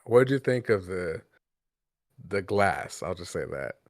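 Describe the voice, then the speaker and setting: A man's voice: sits low, big pitch swings, slow pace, no room sound, clean studio sound. A young man co-hosting a podcast, chatting casually and teasing his sibling in a persuasive way. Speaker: podcast co-host. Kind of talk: casual chat.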